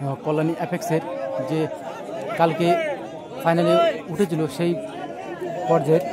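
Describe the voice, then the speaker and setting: A man commentates on a live football match. He goes play by play and tends to say a phrase again and again. A loud crowd surrounds him at an open-air ground. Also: a little high, little pitch movement, moderate pace, heavy background noise. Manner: repeats phrases over and over. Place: outdoors at a local football ground. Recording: outdoor recording with loud crowd.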